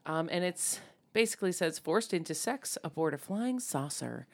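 A woman's voice: on the low side, animated, moderate pace. A woman co-hosting a podcast in casual chat, rambling with lots of ums and likes and laughing easily. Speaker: podcast co-host.

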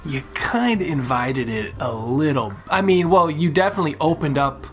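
A man's voice: on the high side, animated, normal speed. A man co-hosting a casual chat who answers with dry, sarcastic quips. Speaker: podcast co-host.

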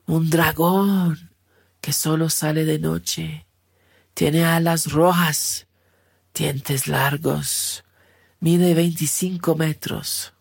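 A woman's voice: low voice, gravelly, slightly rough, dry recording, studio quality, exaggerated voice. A woman voicing a curious, friendly female giraffe who is impressed by an old crocodile.

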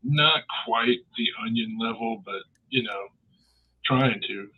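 A man's voice: mid-range voice, takes it slowly, breathy edge. A man talking casually as a podcast guest, laid-back and joking, heard over a tinny line. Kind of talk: casual chat.

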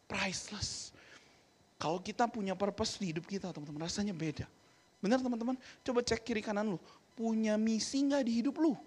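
Chatty youth preacher. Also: male voice, high voice, brisk, darkish tone. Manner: chatty, keeps addressing listeners as friends, mixes in English. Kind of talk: casual youth sermon and prayer.

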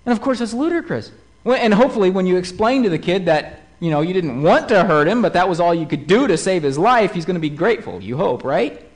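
Male preacher, sermon delivery, slightly high voice that swings widely in pitch, keeps putting rhetorical questions to the congregation. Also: quick pace. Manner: animated, rhetorical questions to listeners.

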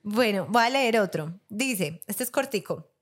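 A woman's voice: mid-range voice, lively intonation, unhurried. A woman co-hosting a podcast, reading listener stories aloud with laughs and asides. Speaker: podcast co-host.

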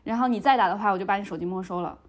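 Rapid-fire and mid-pitched, this young female podcast host relates a story during a relaxed conversation. Her retelling is lively, with each line of dialogue performed aloud.

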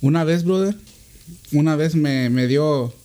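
Casual storyteller, a man with a slightly high voice, lively and chatty. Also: a little slow. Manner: animated, says brother often.

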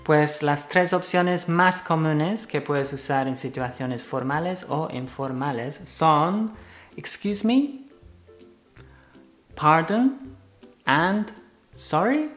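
A man who is a native English speaker, teaching English phrases in Spanish and English with slow, patient explanations. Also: on the high side, fairly bright tone, soft background music. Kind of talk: bilingual language lesson.

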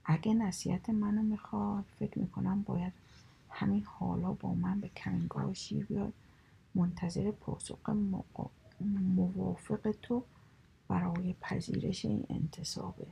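Woman whispering a sly flattering fox. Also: medium pitch, heavily acted, poor audio. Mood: coaxing. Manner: coaxing, smooth-talking, whispered. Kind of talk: whispered story reading.

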